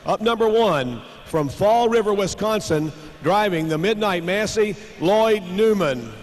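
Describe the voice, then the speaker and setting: High-voiced male tractor pull announcer, booming hall. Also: animated, measured pace. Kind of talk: live event announcing of driver line-ups. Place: large indoor arena. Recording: reverberant arena PA, background noise.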